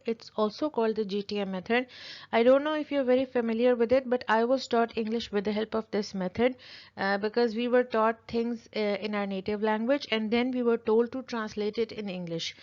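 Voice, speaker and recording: A native Urdu-speaking woman teaches an explanatory tutorial, repeating her points with simple examples. Her voice is a little high and a little mellow. The audio is dull and lo-fi.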